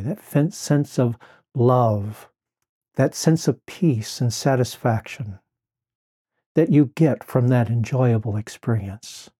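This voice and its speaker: A man slowly guiding the listener through a relaxation exercise in a soothing, drawn-out way. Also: medium pitch, dark tone. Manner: slow, soothing, drawn-out phrasing. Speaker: relaxation guide. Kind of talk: guided relaxation script.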